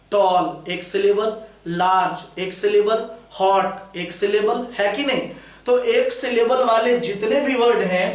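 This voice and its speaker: High-voiced male teacher in an echoey room. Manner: repeats points and keeps checking if students understood. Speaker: English grammar teacher. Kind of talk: classroom-style lesson explanation. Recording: very echoey room, voice far from mic.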